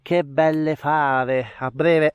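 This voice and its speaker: A man's voice: on the high side, fairly even intonation, very slow, clear, resonant tone, muffled recording. A man, chatting enthusiastically to viewers in a casual countryside vlog, filmed outdoors and indoors on an action camera. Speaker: vlogger farming in the countryside. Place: outdoors on a farm plot and in a small rural room. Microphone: wide-angle action camera held or worn.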